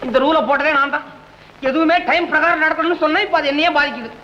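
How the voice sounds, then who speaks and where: A fast-talking gossipy comic doctor. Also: male voice, extremely high pitch, bright, forceful tone, a little hiss or hum. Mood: teasing. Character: chatty meddling male doctor, gossiping and teasing. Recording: muffled old film soundtrack with reverb.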